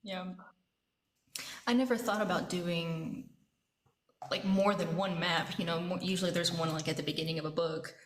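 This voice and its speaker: A woman's voice: on the low side, steady tone, normal speed, pauses often. A woman casually interviewing someone from a huge concrete basement, keeping her voice held back because of the echo. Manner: held back, not talking too loud. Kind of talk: casual video interview chat. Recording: echoey concrete basement, faint noise.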